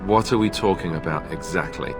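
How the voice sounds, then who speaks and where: A man's voice: low voice, fairly quick, over music, close to an everyday voice. An actor playing a boyish, sarcastic young king-to-be in a fantasy game, joking and exasperated, in a reverberant space. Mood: wry, curious. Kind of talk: dramatic fantasy game dialogue. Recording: long reverberant hall echo.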